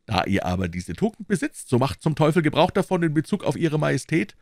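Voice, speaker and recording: A man reading aloud and voicing a boastful, self-satisfied male musketeer, loud and smug. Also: fairly high pitch, very animated, fairly quick, creaky, dry recording, studio quality, pitched above the performer's own voice. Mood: lecturing.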